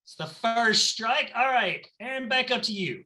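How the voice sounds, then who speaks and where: A man's voice: very high voice, animated, bright, forceful tone. A man with a Southern US drawl hosting a family game show over a video call, playful and chatty. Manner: playful, chatty, quick banter.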